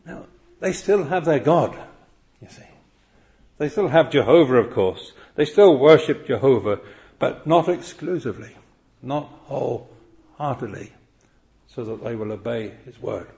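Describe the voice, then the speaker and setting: A man's voice: mid-range voice, expressive, a little slow, vocal fry, pauses often, darkish tone. Male preacher, earnest expository sermon, rhetorical questions, mid-range voice.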